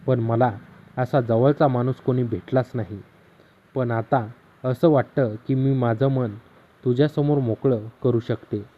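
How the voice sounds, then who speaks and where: A man's voice: mid-range voice, steady tone, measured pace, close to an everyday voice. A man voicing a teasing, lonely, middle-aged neighbor aunt in a storybook tale, keeping his own plain voice. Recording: slightly dull lo-fi audio.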